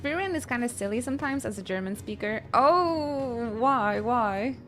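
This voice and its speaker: A woman streaming a video game talks casually and reacts to gameplay with playful exclamations. Her voice is a little high, brisk, and a bit bright, and game music can be heard behind it.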